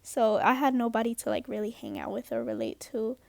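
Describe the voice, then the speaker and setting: A young woman from Japan chatting casually through a get-ready-with-me story time, slangy and upbeat with quick asides. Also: on the high side, very animated, creaky, a little mellow, dry recording. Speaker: vlogger.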